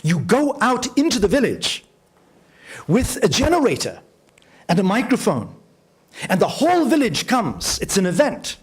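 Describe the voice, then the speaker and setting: A man giving a storytelling lecture as a radio journalist, acting out dialogue vividly and slowing to a low voice for emphasis. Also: wildly swooping pitch, husky. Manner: vivid, acts out dialogue with shifting pitch; slows down and drops low for emphasis. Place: lecture hall.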